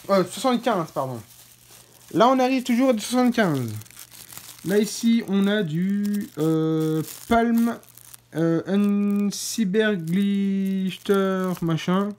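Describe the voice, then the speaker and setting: Woman host, casual unboxing chat, halting delivery full of fillers and corrections, addresses viewers directly. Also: mid-range voice, darkish tone. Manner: hesitant, many fillers and self-corrections; informal, talks straight to viewers. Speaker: fireworks channel host.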